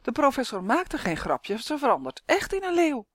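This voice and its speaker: A woman reading a children's story aloud, lively and acting out the characters. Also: high-pitched, normal speed, no echo, studio quality.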